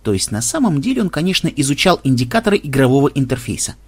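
A man reading an audiobook aloud in an ironic, expressive storytelling manner. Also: mid-range voice, fast, husky. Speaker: audiobook reader. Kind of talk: scripted narration.

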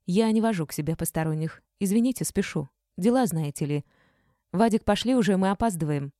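A woman reading a cool, defiant young woman clerk who talks in brisk, curt, unbothered replies. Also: lowish voice, warm tone, no echo, clean studio sound, lightly acted.

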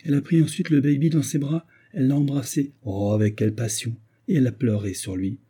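A man reading the part of a gentle young wife and mother in a tender, pleading tone. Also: medium pitch, steady tone, a little fast, slightly rough, pitched above the performer's own voice, lightly acted.

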